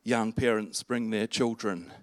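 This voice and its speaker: A man preaching a sermon in a conversational, halting way, with restarts and fillers. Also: fairly low pitch, no echo, studio quality. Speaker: pastor.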